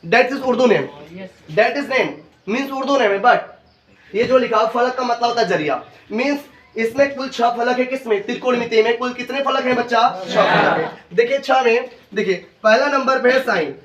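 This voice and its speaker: A man's voice: extremely high pitch, normal speed, a bit bright, recorded from a distance. A male coaching class teacher with a Uttar Pradesh Hindi accent, leading a classroom lesson and drilling terms with his students in call-and-response. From India. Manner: repeats questions to students, drills terms aloud. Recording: roomy lo-fi classroom sound from afar. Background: students in the room.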